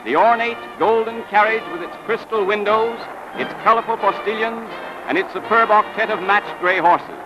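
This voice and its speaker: A man delivers old newsreel narration in a grand, declamatory manner. His voice sits high for a man. Loud music plays under the whole soundtrack. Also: normal speed, highs cut off.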